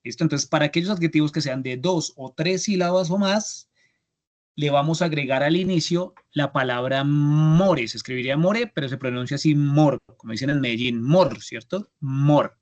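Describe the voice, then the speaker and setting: A man's voice: on the high side, fairly quick. A young man teaching an English grammar class, patiently repeating each step and checking that students follow. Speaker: English instructor. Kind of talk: online class explanation.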